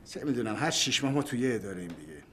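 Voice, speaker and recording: An actor playing a wry, boastful office deputy in a sitcom. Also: male voice, lowish voice, sing-song, a bit bright, a little hiss or hum. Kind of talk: sitcom acting.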